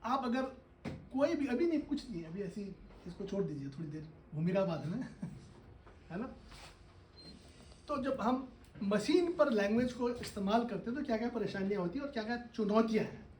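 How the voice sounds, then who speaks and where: A man's voice: high-pitched, animated, normal speed, long pauses, darkish tone, slight background noise. A man, a university professor, giving a lecture and explaining ideas with everyday examples, often checking in with his listeners. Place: lecture hall. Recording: echoey hall, voice from a distance.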